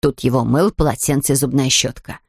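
A woman reading a storybook aloud and voicing a brisk, stern middle-aged housekeeper who grumbles in a firm, no-nonsense way. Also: rumbling low, fairly even intonation, breathy edge, no room sound, studio quality, voice pushed down, exaggerated voice.

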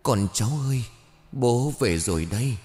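The ghost of an old grandfather speaks gently to his kin, voiced by a man. His tone is soft and regretful, with a lively rise and fall. It is read aloud as a ghost story. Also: medium pitch, normal speed, long reverb tail, soft background music, voice pushed up, close to an everyday voice. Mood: remorseful.

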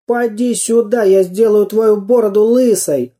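A man voicing a brave, cheeky little iron man in a storybook reading, crying out in a shrill, excited voice. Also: a little slow. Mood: taunting.

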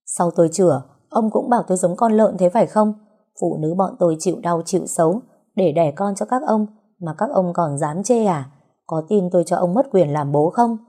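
A woman voicing a blunt, teasing young woman who bickers loudly and cries easily. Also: fairly low pitch, normal speed, lightly acted. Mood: scolding. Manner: loud, bickering.

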